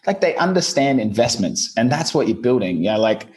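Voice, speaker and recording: Laid-back Australian man. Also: medium pitch. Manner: relaxed and deliberately slowed, with fillers like "you know". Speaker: podcast guest. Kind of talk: casual interview talk. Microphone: remote call recording.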